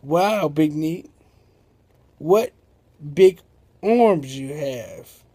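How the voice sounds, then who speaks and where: A jittery shopkeeper in a told-aloud story, always nervous and wide-eyed, voiced by a man. His voice sits high and mellow, and his words come slowly. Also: expressive, full character voice. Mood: wondering. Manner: nervous, wondering. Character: timid male shopkeeper, easily frightened.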